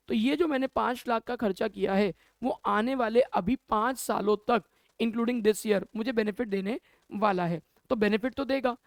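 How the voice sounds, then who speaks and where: A man's voice: extremely high pitch, no echo. Man teaching accounts, question and answer. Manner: asks questions and answers them himself; mixes Hindi and English terms. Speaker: commerce teacher. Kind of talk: classroom lecture to students. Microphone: camera mic.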